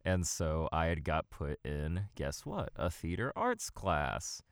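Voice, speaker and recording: A man, a podcast guest, telling a story in casual chat with animated, laughing delivery. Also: rumbling low, takes it slowly, dry recording, studio quality.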